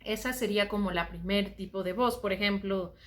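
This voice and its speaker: A Mexican woman teaching voice, calmly explaining singing technique and often saying "ajá". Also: medium pitch, a little fast.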